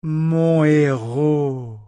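Seductive sorceress seer, soft pleading tone, melodious, voiced by a male reader. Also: medium pitch, big pitch swings, takes it slowly, no room sound. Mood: mocking. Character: seductive female seer, sorceress disguised as mother.

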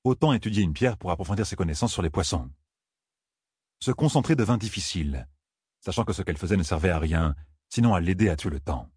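A man reading a fantasy novel aloud in a measured, even scripted narration. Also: low voice, slightly rough, no room sound, clean studio sound. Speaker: audiobook narrator.

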